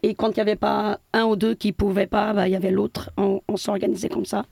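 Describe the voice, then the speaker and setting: Gravelly middle-aged woman from Portugal. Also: mid-range voice, little pitch movement, fast, a little mellow, dry recording. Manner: hesitant, many fillers and restarts. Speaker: guest, building caretaker. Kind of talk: casual interview answers.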